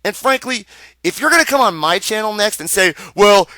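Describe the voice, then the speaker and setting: A man's voice: high voice, expressive, brisk, sharp tone, dry recording. A young American man delivering a heated, profane, stammering rant on his video channel. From United States. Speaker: vlogger. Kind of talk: angry webcam rant.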